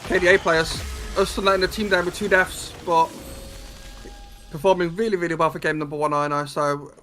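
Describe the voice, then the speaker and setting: High-voiced man casting esports with banter. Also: steady tone, fairly quick, sharp tone. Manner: playful, joking banter with co-casters. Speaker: esports caster. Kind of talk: live esports commentary. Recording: game music clearly behind the voice.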